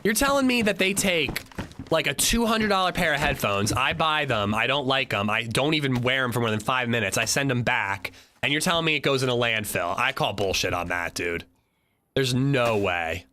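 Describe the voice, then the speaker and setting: A man from Pennsylvania, a streamer talking casually with chat while playing a game, animated and swearing freely. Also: mid-range voice, normal speed. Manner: animated, profane, reacting to chat. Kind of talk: casual gaming livestream chat.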